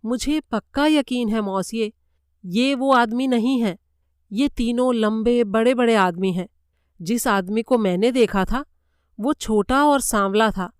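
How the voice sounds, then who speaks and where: A flustered, middle-aged German maid, voiced by a woman narrator, pleads her case with insistent urgency. The voice is smooth and close, with no room sound. It sits a touch above the reader's usual pitch. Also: unhurried, dry recording, lightly acted. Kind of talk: audiobook character voice.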